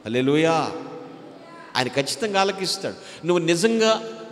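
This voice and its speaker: Emphatic preacher in echoey hall. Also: male voice, a little high, very animated, normal speed, a bit bright. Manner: emphatic preaching with cries of hallelujah and English phrases mixed in. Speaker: pastor. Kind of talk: sermon. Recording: echoey hall with long reverb.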